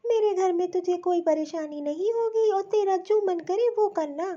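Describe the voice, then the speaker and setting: A woman's voice: extremely high pitch, moderate pace, dark tone. A woman voicing a kind, motherly middle-aged neighbour aunt in a cartoon, coaxing and fussing over a young widow. The recording is dull and lo-fi. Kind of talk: cartoon voice acting.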